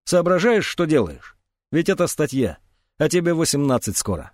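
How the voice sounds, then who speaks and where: A hot-headed teenage boy from an audiobook, stubborn and heated, his raised voice snapping back at the grown-ups around him. A man acts him out, with his voice lifted above his usual pitch. The recording is dry and close. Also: big pitch swings, moderate pace, darkish tone, dry recording. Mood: reproachful. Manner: heated, defiant.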